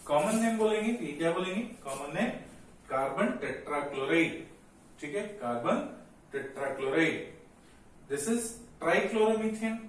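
A man's voice: a little high, animated, measured pace. Man teaching chemistry in an echoey room. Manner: explains step by step, asking and answering his own questions. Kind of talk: classroom lecture. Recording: echoey room, mic far off, faint noise.

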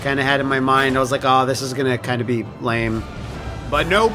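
A man giving casual, excitable and jokey gameplay commentary, swearing freely. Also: medium pitch, brisk. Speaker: host of a video game playthrough. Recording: voice over game music. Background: game soundtrack music.

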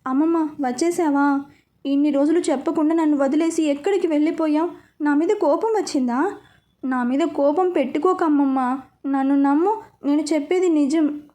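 A woman's voice: high-pitched, normal speed, warm tone, close to an everyday voice. A woman voicing a distressed young woman, delirious with fever, who pleads and cries out for her grandmother. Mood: pleading.

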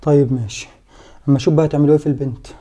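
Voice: mid-range voice, fairly even intonation, rapid-fire, mellow, close to an everyday voice. An actor playing a protective father in a skit, stern and commanding in an Egyptian accent. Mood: indignant. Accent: Egyptian Arabic. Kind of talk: amateur skit acting.

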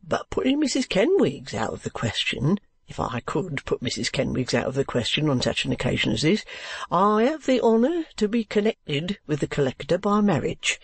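A man's voice: a little high, very animated, normal speed, gravelly, slightly rough, dry recording, pitched above the performer's own voice, heavily acted. A man voicing a pompous, solemn Victorian husband who swaps his v's for w's. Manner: pompous, stiffly solemn, says w for v.

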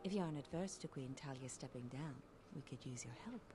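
An actress playing a composed political conspirator in a video game, speaking in a measured, formal way. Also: female voice, rumbling low, animated, over music. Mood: discreetly persuasive. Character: composed female political conspirator offering bribes. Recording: clear background game noise.

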